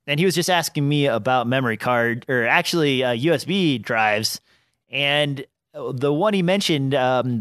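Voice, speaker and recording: In a small home studio, a podcast host with a slightly nasal, medium-pitched voice rambles casually, stumbling through fillers and restarts. He's close on an arm-mounted dynamic mic, and the sound is a bit bright with no echo.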